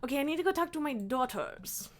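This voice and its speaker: A woman's voice: high voice, expressive, fast. A woman streaming a game with casual, chatty commentary, playful and theatrical, swearing freely.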